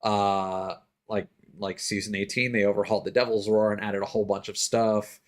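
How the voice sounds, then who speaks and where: On a casual livestream, a male game streamer chats and explains things loosely, with occasional swearing. He speaks at a normal speed in a lowish voice with flat delivery.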